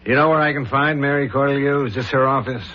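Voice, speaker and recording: A male actor takes the role of a dogged, earnest homicide inspector in a 1970s radio drama, serious, deliberate and probing, on a dull old recording. His medium-pitched natural voice keeps a fairly even intonation, and the mood is probing and businesslike.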